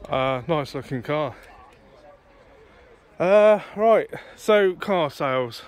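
A British car show vlogger, filming on a handheld phone outside on a grassy field, draws out his words as he talks. His voice is a little high and expressive, and his off-the-cuff commentary stays chatty and matey.

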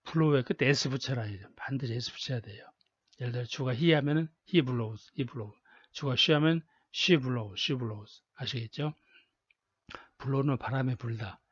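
A man's voice: medium pitch, dry recording, dull audio. A male English teacher narrating a lesson video, patiently repeating each word and example several times. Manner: patient, drills words by repeating them. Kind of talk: slow repetitive lesson narration.

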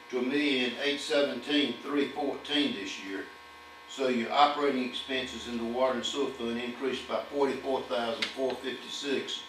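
In a council chamber, an older man with a mid-range voice reads out a town audit report, going steadily through long figure lists with occasional fillers. The sound, taken from a podium mic and a distant camera, is echoey and hums.

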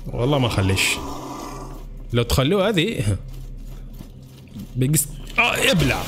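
A man with a Gulf Arabic accent giving excitable gameplay commentary to his viewers, yelping when in danger. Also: mid-range voice, measured pace. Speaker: gaming channel host.

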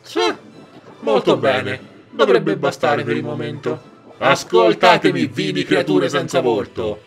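A man voicing a grandiose, cruel evil duke from a video game in a theatrical, booming way. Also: animated, very slow. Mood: menacing. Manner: theatrical, booming villain speech. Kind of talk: video game dialogue read aloud. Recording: game music playing behind. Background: video game music.

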